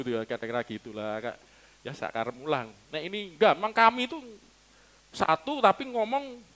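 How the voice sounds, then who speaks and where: Pastor guy preaching, high voice, jokey, keeps quizzing the crowd. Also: fairly bright tone. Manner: teaching and quizzing the congregation, joking and laughing. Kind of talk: sermon. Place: church hall.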